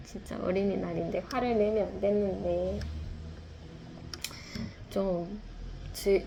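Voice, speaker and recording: A woman recounts her own story with a mellow, relaxed voice at an ordinary pitch. She speaks in a reflective, confessional way, circling back with fillers and restarts. Faint noise sits behind her. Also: creaky. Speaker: mother sharing a testimony.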